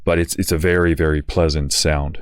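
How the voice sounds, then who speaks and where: A very tired man giving a casual music software walkthrough, speaking haltingly with slightly slurred words. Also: rumbling low, flat delivery, background noise.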